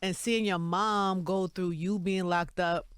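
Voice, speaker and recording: A woman hosting a relaxed interview, playful and quick to laugh. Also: on the low side, smooth, no echo, studio quality. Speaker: interview host. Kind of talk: casual interview chat.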